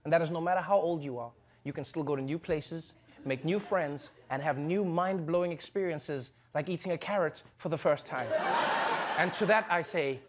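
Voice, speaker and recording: High-voiced man doing a comedy monologue. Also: moderate pace. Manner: joking, animated, breaks into impressions. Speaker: comedy show host. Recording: studio audience laughter and noise.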